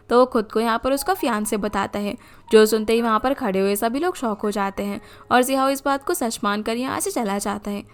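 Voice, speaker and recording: Woman narrating a drama recap. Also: fairly high pitch. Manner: steady retelling of plot in the third person. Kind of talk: scripted narration.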